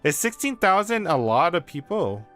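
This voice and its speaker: A tired male streamer chatting casually and reading game narration aloud, animated and swearing now and then. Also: a little high, normal speed, faint music behind.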